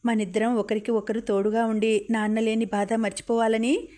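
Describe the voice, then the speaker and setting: A woman's voice: fairly high pitch, flat delivery, moderate pace, dark tone, lightly acted. A woman voicing an affectionate younger brother who speaks earnestly to his sister, in an audiobook reading.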